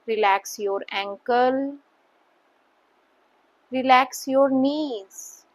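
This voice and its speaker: Calm, brief instructions with long pauses between them come from a meditation instructor, a woman with an Indian accent leading a guided session. She has a fairly high voice, recorded on poor audio.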